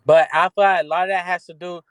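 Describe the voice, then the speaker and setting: A man's voice: high voice, fairly even intonation, fast, a bit bright, clean tone, dry recording. A man co-hosting a sports podcast in loose, slangy casual talk, often restarting his sentences. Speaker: podcast co-host.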